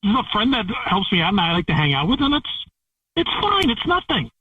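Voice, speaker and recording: A man with a high, husky voice comes through a thin, tinny phone line, sounding a little distant from the receiver. He keeps stammering out defensive denials, restarting his sentences as he tries to explain himself. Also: huge pitch swings, quick pace, no echo. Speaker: caller being confronted on a radio prank call. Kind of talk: phone call on a radio show.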